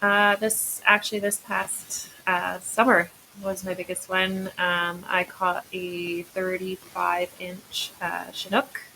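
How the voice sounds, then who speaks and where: A woman's voice: lowish voice, little pitch movement, slow pace, gravelly, hardly any pauses, bright, forceful tone, slight background noise, rough recording. A woman being interviewed as a guest, chatting easily and telling stories with frequent laughs. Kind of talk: casual interview.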